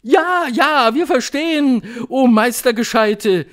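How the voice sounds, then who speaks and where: A man's voice: very high voice, slow, voice pushed up, heavily acted. Man doing a shrieking crowd of fawning witches. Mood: fawning, eager. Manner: shrieking, eager, flattering. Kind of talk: audiobook reading.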